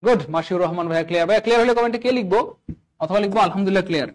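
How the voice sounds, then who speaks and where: A man teaching a live exam-prep class, animated and constantly quizzing his students, weaving religious phrases into his lesson. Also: high-pitched, racing, poor audio. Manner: animated, keeps asking students questions.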